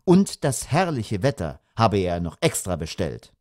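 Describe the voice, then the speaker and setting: A man narrating a humorous audiobook in a wry, lively storytelling manner. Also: lowish voice, measured pace, no echo, clean studio sound.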